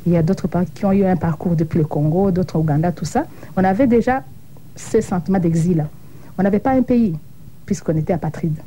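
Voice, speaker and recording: A woman's voice: on the low side, brisk, warm tone, a little hiss or hum. A middle-aged woman from Rwanda, answering interview questions in an earnest, thoughtful way and sometimes searching for words. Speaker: interviewee, association co-founder.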